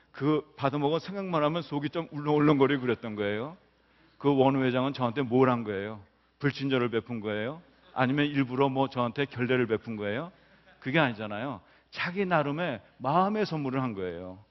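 A middle-aged male business professor giving a public lecture, telling anecdotes and acting out the quotes. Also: mid-range voice. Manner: lively storyteller acting out quotes. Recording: roomy hall, dull lo-fi sound.

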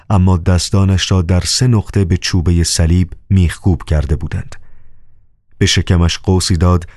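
Low dark-voiced guy reading an audiobook, slow and solemn, dry sound. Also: no echo. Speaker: audiobook narrator. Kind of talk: scripted novel narration.

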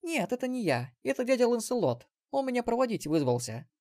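A bubbly little granddaughter, put on by a male reader, pitched far above his own voice and close and dry on the mic. She chatters eagerly in a storybook fantasy tale, bright and quick to exclaim. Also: big pitch swings, dry recording. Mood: cheerful. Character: cheerful little girl, granddaughter.

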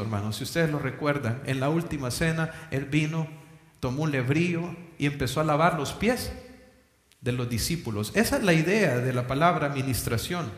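A man preaching a sermon as pastor, often asking rhetorical questions and addressing the congregation as brothers. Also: a little high. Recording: echoey hall with long reverb.

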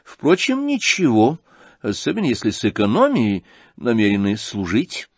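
A man's voice: mid-range voice, huge pitch swings, moderate pace, husky, dry recording, full character voice. A male reader voicing a proud, mocking young noblewoman in an audiobook, questioning haughtily and pointedly. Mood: haughty.

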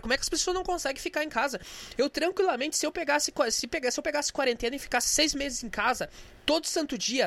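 A man's voice: very high voice, a bit bright. A young man venting in an angry, profane, indignant monologue for his vlog. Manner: angry, swearing, indignant ranting. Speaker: vlogger.

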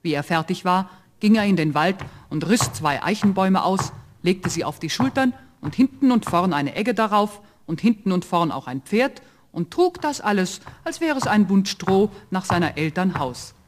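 A man's voice: sits high, animated, normal speed. A man narrating a fairy tale in scripted storytelling style.

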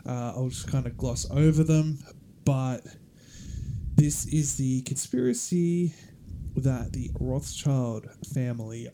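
Dark-toned Australian man hosting a podcast. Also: mid-range voice, lively intonation, slow, a little hiss or hum. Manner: laid-back, swearing, chuckling, reading history aloud. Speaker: podcast host. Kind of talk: casual podcast chat.

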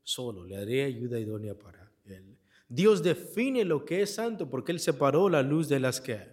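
A man preaching a Bible exposition sermon in a church, reading scripture verse by verse and pausing to ask the congregation to fill in the key word. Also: mid-range voice, big pitch swings, a little mellow. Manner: asks the congregation questions and leaves the answer word for them to fill in; reads scripture aloud and explains it verse by verse. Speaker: pastor.

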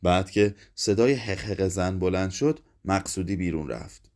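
A man narrating a literary short story in a measured, even reading voice. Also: sits low. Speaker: audiobook narrator. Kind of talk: scripted narration.

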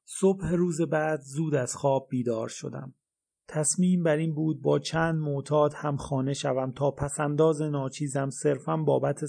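A man's voice: a little high, gravelly, a little mellow. A man narrating a novel in the first person as an audiobook, in a wry, dry storytelling manner.

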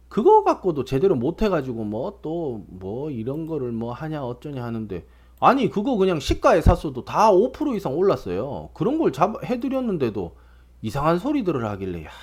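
A man's voice: on the high side, darkish tone, breathy edge. A man giving casual stock market commentary, rambling and provocative, tossing out constant tag questions.

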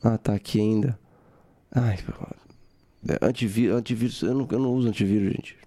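A young man hosting a podcast, telling a personal story in a casual, animated way with some swearing. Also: on the low side, a little fast. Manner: animated, swearing, acts out his own quotes. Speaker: podcast host.

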